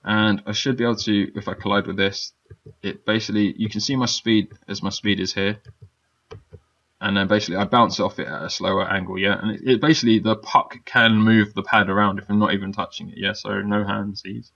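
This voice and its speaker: Low, chatty man with a dull lo-fi sound. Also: steady tone, a little fast, creaky, a bit bright. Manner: chatty, loose, many fillers and check-in "yeah?"s. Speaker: game development teacher. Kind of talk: casual screen-recorded software tutorial.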